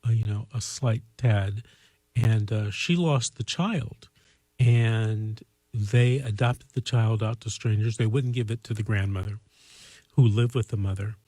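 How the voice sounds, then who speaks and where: A man hosting a call-in show, giving earnest legal advice in a measured, conversational way. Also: on the low side, warm tone, no room sound.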